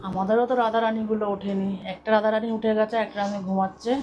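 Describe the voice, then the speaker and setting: Soft-spoken woman vlogging in a kitchen. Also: medium pitch, level tone, highs cut off. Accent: Bengali. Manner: talks softly and slowly so as not to wake a sleeping child. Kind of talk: casual cooking vlog narration. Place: home kitchen. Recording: noisy home recording.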